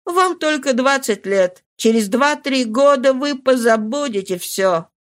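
A woman's voice: high voice, lively intonation, unhurried, pitched above the performer's own voice. A woman reading a novel aloud, voicing a proud, betrayed husband who speaks with cold reproach. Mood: bitter, accusing.

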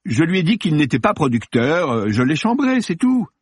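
A man voicing a vain male film star who blusters and then pleads in a shrill, strained voice, in an audiobook. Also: big pitch swings, normal speed, breathy edge, no room sound. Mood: flustered. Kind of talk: audiobook character voice.

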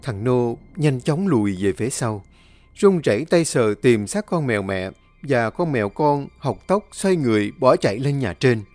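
A man reads a scripted audio story at an even, measured pace. His voice sits at a middle pitch, recorded close and dry, with faint music underneath. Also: dry recording.

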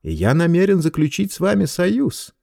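A man voicing a cunning, high-strung male schoolteacher who exclaims loudly in a raised voice. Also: wildly swooping pitch, normal speed, vocal fry, no echo, clean studio sound, heavily acted. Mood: commanding.

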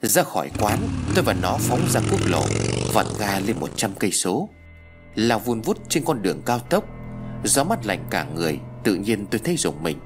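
A man's voice: lowish voice, big pitch swings, moderate pace. A man narrating a first-person story as an audiobook reader. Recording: faint background music.

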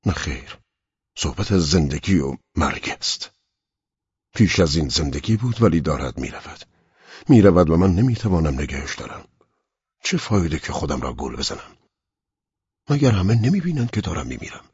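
A man's voice: extremely low pitch, expressive, darkish tone, husky, no echo, highs cut off, heavily acted. A man voicing a frightened, bitter dying middle-aged judge in an audiobook, in an anguished inner monologue. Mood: despairing. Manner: anguished inner monologue, rising to near-whispers. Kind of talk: audiobook reading.

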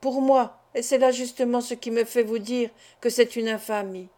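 Brief: cold, proud society woman scolding, read by a woman, fairly high voice. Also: steady tone, normal speed, dark tone, natural voice. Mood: scornful.

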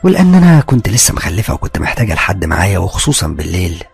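A man with an Egyptian accent narrating a horror story at a rapid clip. His voice is gravelly, husky and fairly low, in a conversational first-person telling. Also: sing-song, faint music behind. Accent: Egyptian Arabic.

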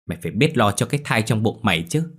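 A man's voice: lowish voice, lively intonation, fast talker. A man voicing a stern older father-in-law scolding his grieving daughter in an audio ghost story. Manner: gruff scolding.

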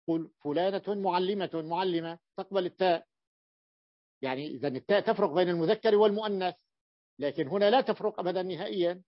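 Guy teaching grammar, kinda high voice, stops and repeats words a lot, dull dry recording. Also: dry recording. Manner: halting, repeats words while explaining. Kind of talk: classroom grammar lesson.

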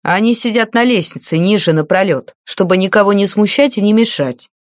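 A woman's voice: medium pitch, animated, brisk, no echo, clean studio sound, natural voice. A woman voicing a big, grim male bodyguard in an audiobook, speaking in curt, commanding orders. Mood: stern.

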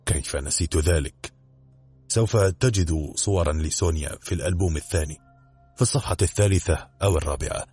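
A man's voice: sits low, brisk, darkish tone, slightly rough, soft background music. A man voicing a nearsighted, forgetful aunt who is polite and a little flustered, in a storybook reading. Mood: puzzled.

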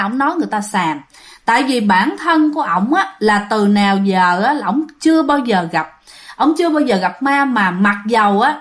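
A woman with a Southern Vietnamese accent telling ghost stories to her listeners in a chatty, animated way, full of filler particles. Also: a little high. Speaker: ghost story narrator. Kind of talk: casual storytelling to listeners.

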